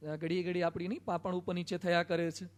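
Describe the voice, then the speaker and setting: A man with a Gujarati accent, a monk giving a sermon, telling stories with quoted dialogue and gentle humor. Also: high-pitched, flat delivery, fast talker. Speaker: monk preacher. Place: assembly hall.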